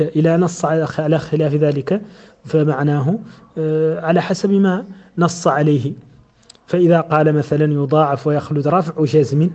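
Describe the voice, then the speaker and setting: A man teaching in a methodical lecture style, setting out rule after rule with frequent hesitant fillers. His voice sits somewhat high yet sounds mellow and dark. The recording is dull and slightly lo-fi. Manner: methodical, explains rules step by step, many hesitations. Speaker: teacher of Quran recitation. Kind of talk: explaining a classical verse text.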